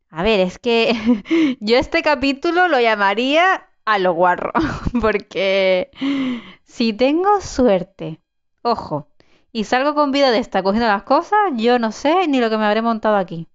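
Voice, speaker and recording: A woman's voice: mid-range voice, smooth, lo-fi sound. A young woman commenting casually on her survival game, chatty, swearing and exclaiming as she plays. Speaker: gaming channel host. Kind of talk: casual let's-play commentary.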